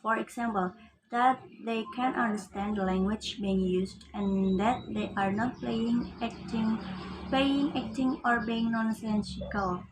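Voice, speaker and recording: A woman's voice: on the high side, steady tone, slow pace, background noise. A young female student from Indonesia with an Indonesian accent, giving a class presentation. She reads English definitions and then explains them in casual, chatty terms. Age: young adult.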